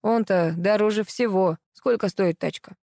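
A woman's voice: mid-range voice, normal speed, gravelly, dark tone, dry recording, studio quality, close to an everyday voice. A woman reading the lines of a haughty, condescending middle-aged man in an audiobook. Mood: smug.

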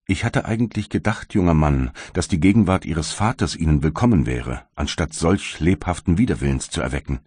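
A man voicing a kindly but stern male magistrate in an audiobook, speaking in a measured way. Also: extremely low pitch, lively intonation, breathy edge, dry recording, clean studio sound, exaggerated voice. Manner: gentle, measured, turning stern.

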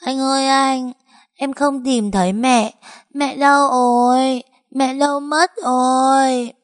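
A woman's voice: high-pitched, steady tone, takes it slowly, voice pushed up. A tearful wailing little girl. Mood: sobbing. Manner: sobbing, wailing calls. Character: small crying girl, clingy and tearful.

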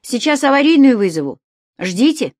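A woman's voice: high voice, very animated, moderate pace, darkish tone, no echo, studio quality, voice pushed up. A woman voicing a brusque, impatient female elevator dispatcher in an audiobook story. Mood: curt.

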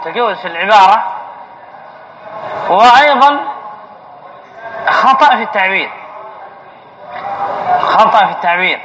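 A man's voice: high-pitched, bright, forceful tone. A man, a sheikh, giving a classroom lesson on Arabic grammar. He asks his students questions and then answers them himself. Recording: dull lo-fi lecture recording with faint hiss.

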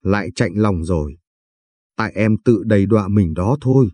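A man's voice: lowish voice, moderate pace, warm tone, no echo, natural voice. A man voicing a caring young man who is earnest and worried, talking protectively in a storybook reading. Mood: reassuring, fretful.

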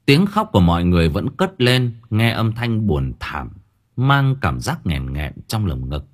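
Male audiobook narrator, low and husky, lively intonation across a spooky story. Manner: expressive, measured storytelling. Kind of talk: first-person horror story narration.

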